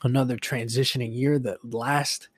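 A man's voice: mid-range voice, fairly even intonation, moderate pace, breathy edge, dry recording. A man in his late twenties hosting a solo podcast, reflecting casually in a rambling way with lots of fillers and swearing. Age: 20s. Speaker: podcast host.

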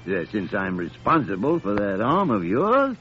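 Irascible radio-drama doctor, hugely animated delivery, exclamatory and easily flustered, muffled old recording. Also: male voice, fairly low pitch, moderate pace, over music. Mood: politely probing. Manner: blustery, sputtering, exclamatory.

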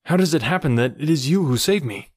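A man's voice: fairly high pitch, expressive, brisk, no echo, clean studio sound, voice pushed up. A man voicing a strong, bold ape-man hero who speaks in a firm, earnest way.

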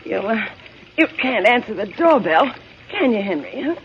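Old radio show drama, cool calculating wife, coaxing tone, faint crackle. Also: female voice, fairly high pitch, sing-song, moderate pace. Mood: flustered. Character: scheming murderous young wife, cool and sly. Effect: old radio show broadcast. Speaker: actress playing a scheming wife. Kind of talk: 1940s radio acting. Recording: muffled old radio recording with hiss.

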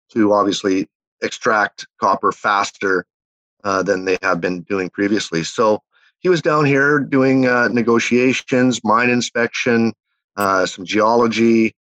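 This interview guest, a Canadian man in his fifties from Winnipeg, Manitoba, has a fairly low, fairly bright voice. He reminisces in casual chat, telling long rambling stories with many fillers and restarts. The audio is poor, with no room sound.

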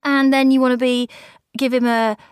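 A woman's voice: sits high, little pitch movement, normal speed, clear, resonant tone, no room sound, clean studio sound. A woman chatting in an encouraging, giggly way. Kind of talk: casual chat.

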